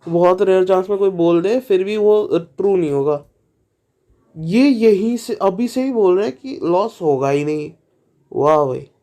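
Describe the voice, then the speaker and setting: A man reacts to a video in a relaxed, casual way, firing off skeptical questions. His voice sits a bit high but sounds mellow and dark, with frequent fillers and self-corrections. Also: measured pace.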